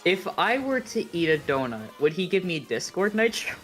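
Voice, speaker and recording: A man's voice: high voice, big pitch swings, moderate pace, a bit bright, soft background music. A man joking around on a game stream, goofy and giggly in casual banter.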